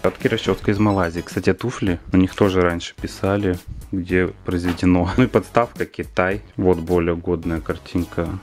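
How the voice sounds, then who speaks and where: A man's voice: low-pitched, steady tone, normal speed, soft background music. A man giving casual unboxing commentary as a doll reviewer, with murmured asides as he examines things.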